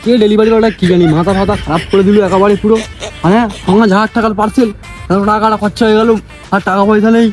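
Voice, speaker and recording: A man's voice: high-pitched, steady tone, very fast, faint music behind. A man acting a poor husband in a comedy sketch, grumbling and arguing. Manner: grumbling, argumentative.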